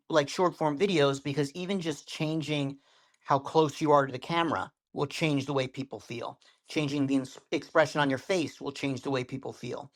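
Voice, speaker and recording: A man being interviewed as a social media coach, telling stories with shifting speed and tone on what sounds like a video call. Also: a little high. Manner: animated storyteller, varies speed and tone for effect. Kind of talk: podcast interview.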